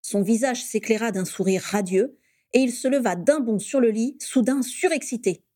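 A woman reading a story aloud with steady storytelling, giving each character a voice. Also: fairly high pitch, normal speed, no room sound, studio quality. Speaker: reader.

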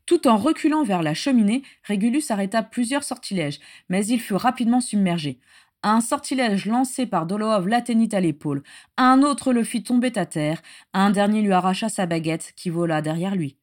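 A woman's voice: mid-range voice, normal speed. Woman narrating a story steadily. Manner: steady narration with acted dialogue. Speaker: story reader. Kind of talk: reading fan fiction aloud.

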